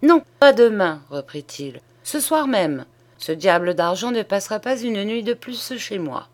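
A woman reading an elderly retired male detective in an audiobook, a bit slower and higher than her narration. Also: expressive, lightly acted. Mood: agitated.

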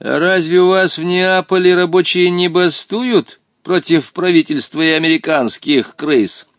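A man voicing a stubborn, fiery street boy who talks in a sharp, mocking, challenging way. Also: mid-range voice, expressive, moderate pace, no room sound, clean studio sound, lightly acted. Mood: angry.

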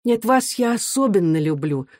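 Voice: medium pitch, animated, normal speed, a little mellow, dry recording, clean studio sound, natural voice. A reader voicing a kind, weary older mother who speaks earnestly and confidingly in an audiobook. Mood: affectionate.

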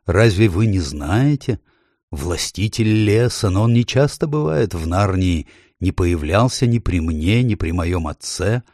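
An earnest, blunt male beaver from a storybook, as a man reads him, in a low, husky voice that swings widely in pitch. He leans hard on the important words, and the recording is dry and close. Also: lively intonation, unhurried, a little mellow, no echo, exaggerated voice. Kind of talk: audiobook character voice.

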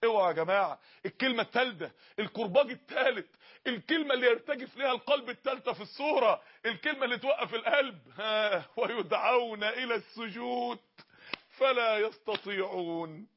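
Male preacher, Egyptian Arabic accent, rapid-fire and high-pitched, husky, dull lo-fi recording. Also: expressive. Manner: impassioned, pleading, rapid. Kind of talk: fiery Egyptian sermon.

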